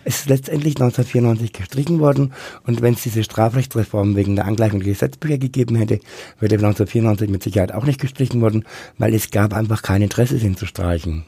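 A middle-aged man with a husky, gravelly voice, talking candidly and haltingly as an interview guest. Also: on the low side, warm tone, dry recording. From Franconia, Germany. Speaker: interview guest, drag queen and queer activist.

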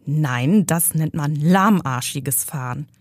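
A woman's voice: deep voice, slow pace, dry recording, clean studio sound, pitched below the performer's own voice. A woman reading aloud from her novel, voicing a fussy, condescending young man who lectures the driver. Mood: smug. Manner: smooth, pedantic and condescending. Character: smug, fussy young man, know-it-all passenger.

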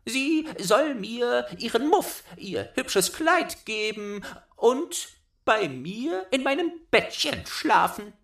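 Man doing a high little robber girl, bossy, commanding, bold, storybook voice. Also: very animated, slow pace, vocal fry, fairly bright tone, exaggerated voice.

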